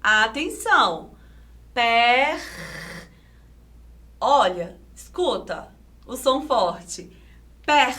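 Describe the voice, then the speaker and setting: A woman teacher with a Brazilian Portuguese accent, giving a video lesson to children, sounding out syllables slowly and clearly and asking coaxing questions. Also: high-pitched, pushed and bright. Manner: slow, over-enunciated syllables, coaxing questions.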